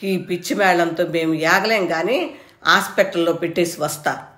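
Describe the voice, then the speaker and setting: A curt, impatient grown village son, read by a woman narrator, low and stern in tone. The reading carries a roomy echo. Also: normal speed, fairly bright tone, lightly acted. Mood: exasperated.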